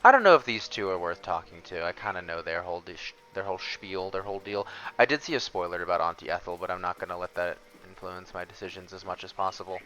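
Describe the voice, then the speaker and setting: A man's voice: low-pitched, fast, hardly any pauses, pushed and bright, rough recording. A man giving casual let's play commentary, thinking aloud and reacting expressively. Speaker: gaming streamer.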